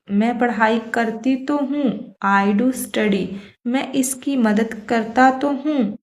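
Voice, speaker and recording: A woman teaching English grammar in Hindi, explaining patiently and saying each English example slowly and clearly. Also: a little high. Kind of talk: spoken English lesson for Hindi speakers.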